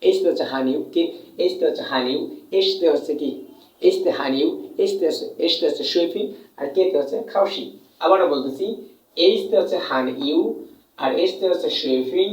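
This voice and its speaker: A man's voice: fairly high pitch, a little mellow. A man teaching a lesson, repeating points and answering his own questions, drawing out sounds to demonstrate tones. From Bangladesh. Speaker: Chinese language teacher. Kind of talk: classroom lesson in Bengali. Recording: echoey room, mic at a distance.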